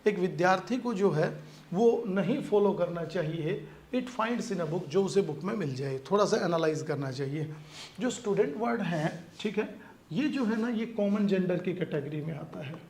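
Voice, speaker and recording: A male teacher explaining English grammar in Hindi with an Indian English accent, often asking "clear to you?". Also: high voice, animated, a little slow, a little mellow, a little hiss or hum. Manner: explains in Hindi with English examples, asks checking questions. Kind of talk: grammar lesson for exam prep. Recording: echoey room with faint ambience.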